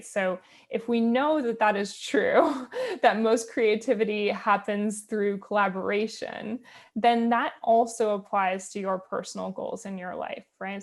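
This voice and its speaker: A woman giving a conversational talk on design thinking, relaxed and thinking aloud, with tag questions and fillers, heard over a video call. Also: medium pitch. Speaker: guest speaker on design thinking.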